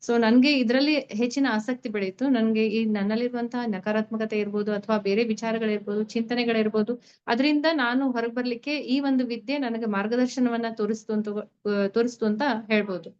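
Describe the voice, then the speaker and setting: A young woman introduces a free online reiki class in an earnest, halting way, often stopping to find her next words. Her voice sits a little high. The sound is dull and lo-fi, as over an online call. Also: steady tone, a little mellow. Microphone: online call audio.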